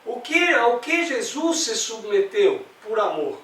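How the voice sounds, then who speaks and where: High-voiced Brazilian man teaching. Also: very animated, slow pace, fairly bright tone. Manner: conversational, rhetorical questions, acts out examples. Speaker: study group leader. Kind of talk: spiritual study group talk. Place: meeting room. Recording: roomy, distant mic, faint noise.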